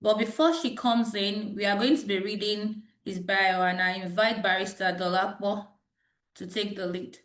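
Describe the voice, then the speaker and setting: A woman's voice: medium pitch, steady tone, moderate pace, fairly bright tone. A Nigerian woman moderating a professional webinar, announcing politely and unhurriedly with some fillers, on a video call mic. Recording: echoey room over a video call.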